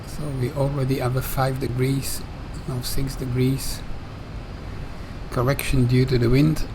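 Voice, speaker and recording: A man giving step-by-step flight commentary as a simulator pilot, pausing often in mid-sentence. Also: medium pitch, noisy background. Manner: halting, pauses mid-sentence. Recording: steady aircraft drone behind voice.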